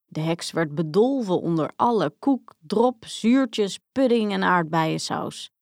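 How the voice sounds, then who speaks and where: Woman storyteller, even delivery, fairy tale reading, dry recording. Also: on the low side, takes it slowly, creaky, dry recording. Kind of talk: fairy tale read aloud.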